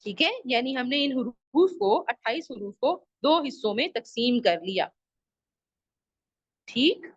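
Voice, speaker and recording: A woman's voice: on the high side, animated, a little slow, husky, no room sound, lo-fi sound. A woman teacher giving an online lesson to children, patiently repeating rules and examples and asking the class questions. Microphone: video call microphone.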